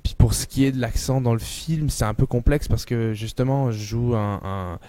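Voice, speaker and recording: A man, an actor talking in a relaxed, slangy interview manner. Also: mid-range voice, normal speed, no room sound.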